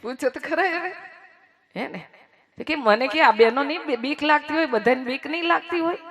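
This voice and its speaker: A woman from Gujarat giving a devotional sermon to a large audience, lively, teasing the crowd and leading chants. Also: high-pitched, moderate pace. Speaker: religious storyteller.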